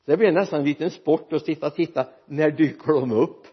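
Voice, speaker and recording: A man preaching a sermon in a church, lively and joking with the congregation. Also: fairly high pitch, slightly rough, muffled recording. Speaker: pastor.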